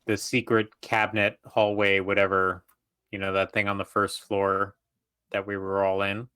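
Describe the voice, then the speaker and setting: Bright-voiced man playing a tabletop game. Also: fairly low pitch, completely flat delivery, normal speed, clear, resonant tone, dry recording. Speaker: player. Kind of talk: casual tabletop play.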